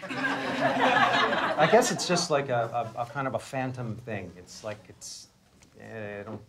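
A middle-aged man hosting a casual onstage interview, halting and stammering, laughing often, speaking into a stand mic in a small hall with an audience. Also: medium pitch, very animated, very noisy. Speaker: host.

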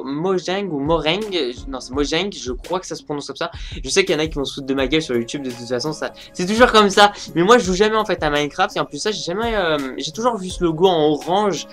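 A man's voice: sits high, fairly bright tone. A young man talking casually about game sales figures for his video channel, rambling with lots of fillers and restarts. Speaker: gaming news YouTuber.

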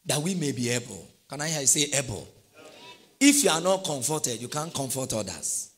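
Animated preacher man. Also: mid-range voice, normal speed. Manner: animated preaching with call-and-response questions to the congregation. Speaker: pastor. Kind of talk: sermon.

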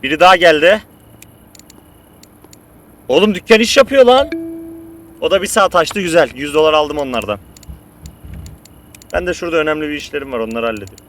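A man giving profane, excitable gameplay commentary to his viewers as a streamer. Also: a little high, fast talker, slight background noise.

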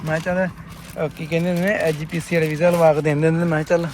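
A man's voice: fairly high pitch, level tone, fast, darkish tone. Casual dad vlogger in a car, joking with his kid, engine noise underneath. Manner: teasing, playful with his child. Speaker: vlogger, father. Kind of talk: casual family vlog chat.

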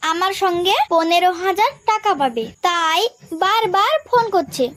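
A woman's voice: very high voice, lively intonation, normal speed, fairly bright tone, dry recording, clean studio sound. A woman voicing a sweet-talking, scheming young girlfriend who coaxes money from her lover, in a dubbed comedy skit. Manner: coaxing, sugary.

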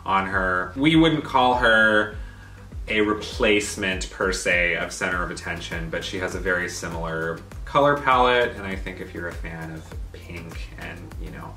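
A man's voice: sits low, moderate pace, bright, forceful tone. A young man co-hosting a casual doll review chat, chatty and enthusiastic. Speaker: co-host of a doll collecting channel. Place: living room. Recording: roomy sound from a distance with faint music.

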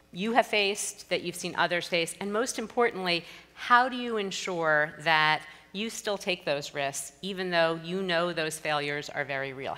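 A woman's voice: lowish voice, sharp tone. A woman moderating a conference panel, enthusiastic and drawing out her guests with questions. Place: conference stage. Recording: reverberant conference hall.

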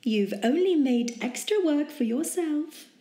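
A woman's voice: sits high, animated, a little slow, dark tone, reverberant. A woman voicing a haughty, bossy teenage girl in a fan audiobook, talking down and giving orders. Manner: condescending and commanding.

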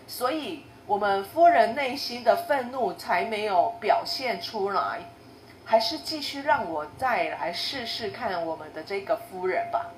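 Woman doing a soft-spoken evasive young maid. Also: mid-range voice, close to an everyday voice. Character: young maid, calm, evasive, testing her mistress. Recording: roomy echo, faint noise.

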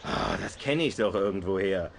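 Ein Sprecher, der im Videospiel einen spöttischen, selbstsüchtigen Barden spielt. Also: male voice, deep voice, expressive, normal speed, a little hiss or hum. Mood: mocking. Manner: sarcastic, mocking. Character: sarcastic, greedy, self-centered male bard hero. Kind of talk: video game dialogue.

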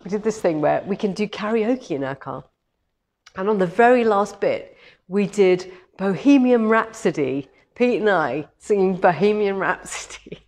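In a roomy indoor quilting showroom stocked with longarm machines, the owner hosts a live-stream demo while fighting a head cold. Her fairly low, darkish voice carries a slight hoarseness as she rambles cheerfully, peppering her talk with ums. A tripod camera records her from a few metres away.

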